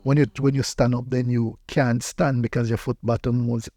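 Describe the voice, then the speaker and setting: Telling personal stories in conversation as a podcast guest, this pastor from Belize speaks with a Belizean accent and repeats phrases for emphasis. His mid-range voice is mellow and flat, at a moderate pace, captured in a dry, studio-quality recording.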